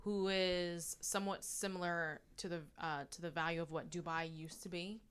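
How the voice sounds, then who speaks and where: A woman's voice: lowish voice, flat delivery, moderate pace, a bit bright, slight background noise. A woman with an American accent in casual podcast chat, talking hesitantly with many fillers.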